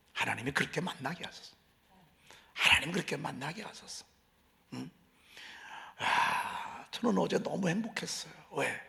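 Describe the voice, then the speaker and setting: Preaching at dawn in a church sanctuary, this middle-aged man uses a high, gravelly voice. His sermon is conversational, full of questions for the congregation, shifting between loud emphasis and near whisper.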